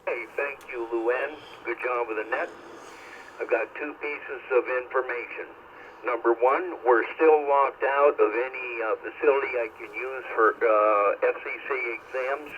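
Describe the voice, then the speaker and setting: A man's voice: medium pitch, fairly bright tone, slight background noise. A man giving informal club announcements over a two-way radio. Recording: dull staticky two-way radio.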